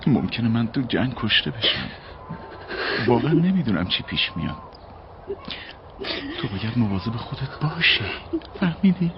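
An actor dubbing a young servant man who calms his tearful sweetheart with quiet resignation. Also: medium pitch, pauses often, close to an everyday voice. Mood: resigned. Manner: soothing, resigned. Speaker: dub actor. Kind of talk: dubbed period drama. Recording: dull audio with steady hiss.

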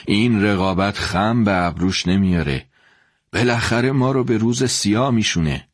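A man's voice: on the low side, no room sound, clean studio sound, lightly acted. Man doing a gloomy, worried old shopkeeper father. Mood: gloomy, doubtful. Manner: gloomy, doubtful.

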